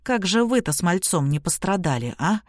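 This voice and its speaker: A woman voicing a gruff male ex-convict who talks in a mocking, folksy drawl. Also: lowish voice, expressive, moderate pace, no echo, clean studio sound, lightly acted. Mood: sly musing.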